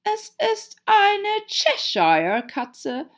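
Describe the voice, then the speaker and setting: A woman putting on the hoarse, snappish Duchess. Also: very high-pitched, huge pitch swings, a bit bright, voice pushed up, heavily acted. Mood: rude. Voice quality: hoarse growl. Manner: snappish, rude, drawn-out words. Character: harsh bossy noblewoman, the Duchess. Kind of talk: audiobook character voice.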